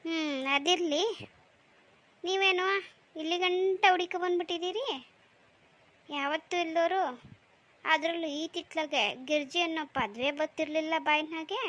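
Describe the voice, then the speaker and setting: A woman's voice: very high-pitched, fairly even intonation, normal speed, long pauses, fairly bright tone. A woman voicing an old village grandmother in a cartoon, fussing and complaining about chores. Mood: grumbling. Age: older. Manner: complaining, scolding.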